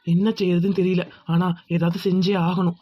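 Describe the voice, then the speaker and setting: A woman's voice: lowish voice, level tone, fairly quick, muffled recording, soft background music, close to an everyday voice. A woman voicing a young village groom in a cartoon, soothing but firm and insistent. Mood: determined. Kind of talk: cartoon voice acting.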